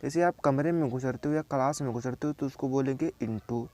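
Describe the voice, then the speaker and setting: A man's voice: medium pitch, a little fast, darkish tone, no echo. A young man from India, a student, teaching English by explaining a simple story word by word and repeating each meaning.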